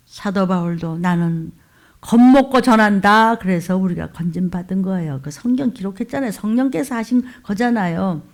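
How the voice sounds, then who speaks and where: A woman pastor preaching a fiery sermon, scolding her listeners with sharp rhetorical questions. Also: mid-range voice, a little fast.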